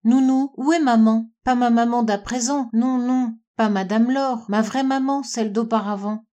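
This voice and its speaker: A sad, dreamy little girl, put on by a woman reading a storybook, asks her questions in a raised, plaintive voice. She sounds pleading and small, with a mellow, soft tone. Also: fairly high pitch, steady tone, moderate pace, close to an everyday voice.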